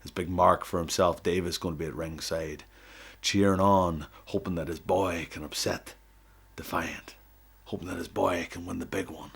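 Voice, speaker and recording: A man cutting a boastful, goading wrestling promo, swinging from loud to hushed. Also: low voice, steady tone, moderate pace, creaky, slightly rough. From not from the UK.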